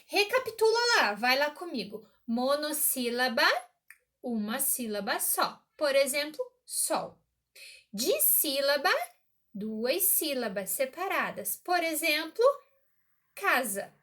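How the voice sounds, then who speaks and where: A woman teacher giving a recorded remote lesson to a child, slow and encouraging, often checking in with the listener. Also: sits high, big pitch swings, bright, forceful tone.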